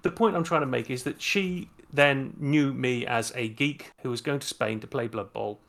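A middle-aged man shares a story on a podcast in an easy, chatty way. He stumbles and restarts often as he acts out the dialogue, at a medium pitch. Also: normal speed, vocal fry, fairly bright tone. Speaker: podcast co-host. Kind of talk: casual anecdote telling.

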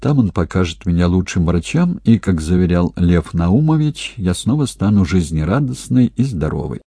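A man reading a novel aloud as narrator, calm and measured. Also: sits low, gravelly, husky, no room sound, clean studio sound. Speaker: audiobook narrator. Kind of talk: scripted narration.

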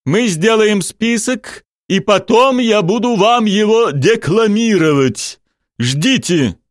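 A vain male actor full of his own importance, declaiming each phrase as if from a stage, pitched high above the narrator's own voice, as a male reader puts him on. The sound is close and dry, with no room around it. Every line comes out grand and self-important. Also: lively intonation, slow pace, no room sound. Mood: boastful. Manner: theatrical, declaiming.

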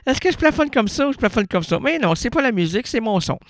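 A man's voice: extremely high pitch, very animated, fast. A man with a Québécois accent hosting an absurd improvised radio monologue, rambling playfully and laughing at his own jokes into a studio microphone. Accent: Québécois French. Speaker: radio host.

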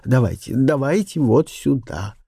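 A man voicing a kind, motherly aristocratic viscountess in an audiobook, speaking in a soft, measured way. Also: mid-range voice, sing-song, vocal fry, slightly rough, no room sound, clean studio sound, exaggerated voice. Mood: firm. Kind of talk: audiobook character reading.

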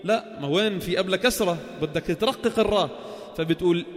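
A man with a Levantine Arabic accent teaching Quran recitation, asking questions and chanting sounds slowly to show them. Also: high-pitched, big-room sound. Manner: slow, drawn-out chanted demonstrations of sounds and words; asks the class questions and answers them himself. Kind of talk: spoken lesson on tajweed.

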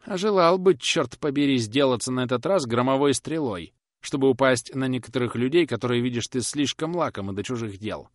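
A man's voice: medium pitch, animated, brisk, no echo, clean studio sound, pitched above the performer's own voice, natural voice. A man playing a nervous young knife-grinder who pleads and dodges questions in a storybook reading. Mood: evasive. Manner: whining, pleading.

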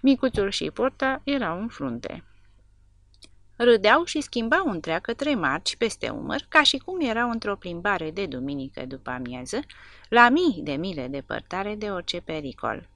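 A woman narrating a war novel as an audiobook with an expressive, dramatic reading. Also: medium pitch, dry recording.

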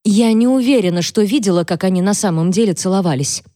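A woman's voice: mid-range voice, fast talker, dark tone, no echo, clean studio sound, natural voice. Brief: timid young servant girl on the stand, hesitant and trembling, voiced by a woman narrator. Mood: fearful, trembling.

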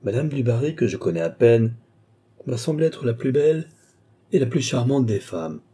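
A man's voice: mid-range voice, sing-song, moderate pace, warm tone, slightly rough. A man reading an audiobook, voicing a guarded, eloquent duke in middle age who speaks in long, earnest, courtly speeches. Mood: declaiming. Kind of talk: audiobook reading of a classic novel.

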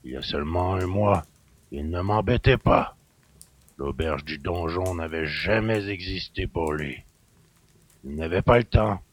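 An actor playing a gruff, suspicious country innkeeper who grumbles in rustic speech. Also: male voice, a little slow. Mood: grumbling. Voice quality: gravelly, low and husky. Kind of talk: audio drama acting.

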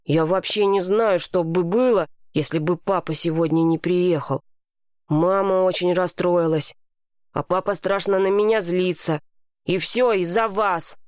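A woman's voice: on the low side, fairly even intonation, measured pace, no echo, clean studio sound, close to an everyday voice. A woman voicing an angry, frightened boy who hisses accusations. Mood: furious. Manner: hissing, accusing. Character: angry scared boy, fierce and resentful.

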